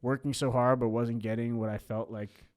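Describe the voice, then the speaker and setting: A man's voice: mid-range voice, flat delivery, moderate pace. A man in his late twenties in a casual podcast chat. He rambles, full of "like" and restarts. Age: 20s.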